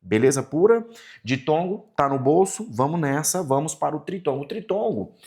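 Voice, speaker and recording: A Brazilian man teaching a Portuguese grammar lesson for exam prep, stretching out example words and checking in with the class. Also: on the high side. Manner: lively, drawn-out example words, frequent "tá vendo?" checks.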